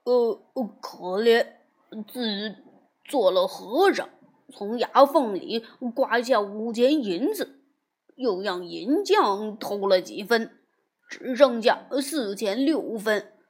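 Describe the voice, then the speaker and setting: A woman's voice: fairly high pitch, lively intonation, takes it slowly, husky, full character voice. A woman voicing a greedy, cowardly male pig monk who whines and blusters in a storybook tale. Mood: pleading. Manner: whiny, blustering.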